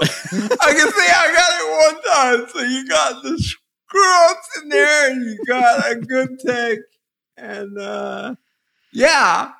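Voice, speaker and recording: A man hosting a podcast in casual comedic chat, halting and jokey, with effortful, slightly slurred articulation. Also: very high voice, vocal fry, bright, forceful tone. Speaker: podcast host.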